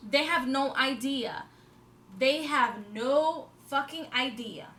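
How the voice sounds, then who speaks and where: Speaking slowly in a high, somewhat bright voice, a woman in her twenties vlogs to camera about spiritual matters. The talk is long and rambling, with lots of fillers, restarts and the odd emphatic swear, recorded in an echoey room with faint noise behind.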